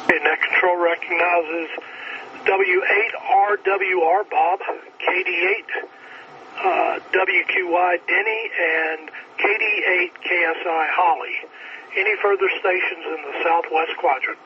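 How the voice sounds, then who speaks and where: Net controller, male, high-pitched, methodical; radio audio with static, dull and hissy. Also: fairly even intonation, a little slow. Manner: methodical, procedural call-and-acknowledge delivery. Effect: radio transmission with static. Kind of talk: amateur radio net check-ins. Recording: muffled lo-fi radio with clear static.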